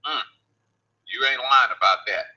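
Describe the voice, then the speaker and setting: A man's voice: mid-range voice, moderate pace, bright, forceful tone. A man hosting a casual radio show, talking in a folksy, incredulous way. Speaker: host. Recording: dull lo-fi livestream audio with faint hiss.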